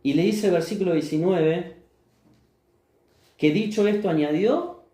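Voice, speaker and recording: A man with a Rioplatense accent preaches a sermon as pastor. His voice sits somewhat high but sounds mellow and warm. He keeps asking the congregation questions and then answering them, and the sound carries the echo of a roomy church. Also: unhurried. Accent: Rioplatense Spanish. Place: church hall.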